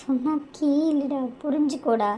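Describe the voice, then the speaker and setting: A woman's voice: sits high, a little slow, dark tone. A woman voicing a married young woman in a cartoon who scolds and pleads with an exasperated edge. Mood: pleading. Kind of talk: cartoon voice acting.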